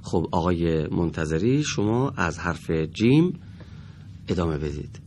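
A man teaching Quran recitation on a radio lesson in a studio, speaking slowly and patiently, modeling sounds and correcting students. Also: low-pitched, expressive, darkish tone, slight background noise. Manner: slow, patient, carefully models and corrects pronunciation.

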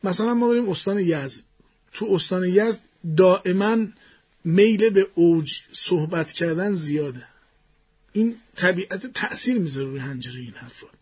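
A man with a fairly high, husky voice explains his ideas to an interviewer, measured and thinking aloud. The sound is dull and muffled, like a studio broadcast. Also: darkish tone. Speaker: guest voice expert.

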